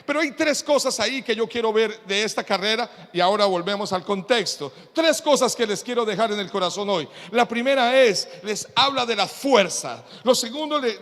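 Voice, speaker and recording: A man preaching as a pastor in a church, animated and telling humorous anecdotes. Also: sits high. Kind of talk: sermon. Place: church in Panama. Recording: echoey church hall.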